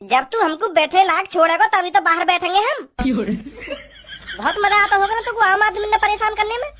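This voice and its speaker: An actor doing a squeaky, angry village man. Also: brisk, bright, forceful tone. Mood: accusing. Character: angry rural village man, a patient, quarrelsome and loud. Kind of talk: cartoon voice acting.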